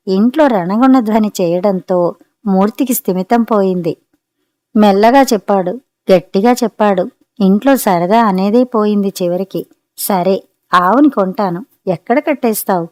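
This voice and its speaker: A woman narrating a family story in a steady, gentle storytelling manner. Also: medium pitch, dry recording, studio quality. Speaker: audiobook narrator.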